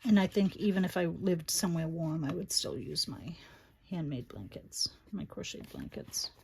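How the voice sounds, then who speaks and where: Boston accent lady, lowish voice, chatting away while she does crafts, bit of noise and clicking behind her. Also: big pitch swings, normal speed, vocal fry, a little mellow. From Massachusetts, United States. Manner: chatty, talks to herself and to viewers. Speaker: crafting livestream host. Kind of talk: casual chat while crafting. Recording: noticeable background noise, clicks and rubbing.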